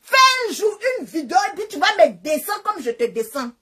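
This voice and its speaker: A woman with a high voice speaks into her phone camera during a livestream. She rants angrily at a rival, taunting her and throwing insults in a confrontational tone. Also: sing-song, brisk. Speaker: social media live streamer. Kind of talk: angry insult-filled rant to a phone. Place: living in Canada.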